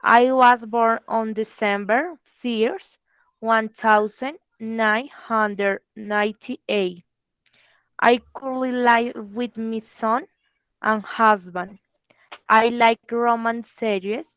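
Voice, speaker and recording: A young Colombian woman introduces herself in English for a class, in careful, halting learner phrasing. Her voice is smooth and clear, a little high, and she speaks slowly. The recording is dry and dull. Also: fairly even intonation, a bit bright, no room sound. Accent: Colombian Spanish. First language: Spanish. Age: 20s. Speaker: psychology student. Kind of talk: slow read English class presentation.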